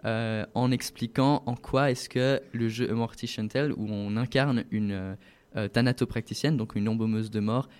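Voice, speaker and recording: A man's voice: on the low side, steady tone, moderate pace, a little mellow, smooth. A man explaining video games in a casual talk, hesitant, with many fillers and restarts. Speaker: guest presenting a video game event. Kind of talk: casual radio chat.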